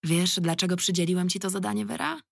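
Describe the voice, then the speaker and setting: A woman voicing a weary middle-aged male police commander, gruff but fatherly, who speaks firmly and plainly. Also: lowish voice, fast, no echo, clean studio sound. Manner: firm, tired and plain-spoken.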